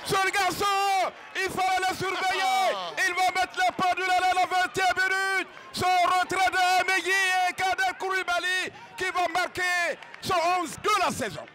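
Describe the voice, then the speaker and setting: A man giving excited play-by-play football commentary with shouted, drawn-out exclamations. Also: very high voice. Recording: stadium crowd and faint noise.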